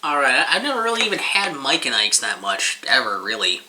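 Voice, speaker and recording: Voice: medium pitch, big pitch swings, brisk, background noise. A person giving a casual, rambling taste-test review, talking informally and swearing freely while eating.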